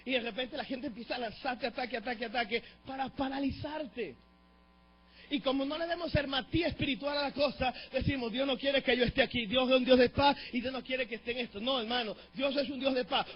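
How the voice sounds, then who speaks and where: A Venezuelan man preaching a sermon as pastor, swinging from hushed asides to shouted emphasis and urging the congregation to repeat after him. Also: very high-pitched, breathy edge. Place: church sanctuary. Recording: dull lo-fi church recording with faint mains hum.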